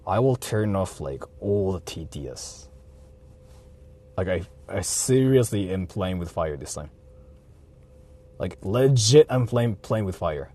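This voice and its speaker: This man, livestreaming casually while he drives, rambles along, repeats himself, and swears freely. His low, mellow voice is animated but slow, with frequent pauses, recorded inside a noisy car with vehicle noise in the background.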